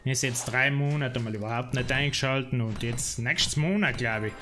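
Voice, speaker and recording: With background noise behind him, a man speaks at a moderate pace in a mid-range voice marked by a South Tyrolean German accent. His casual livestream chat while playing a game is rambling and full of complaints and filler words.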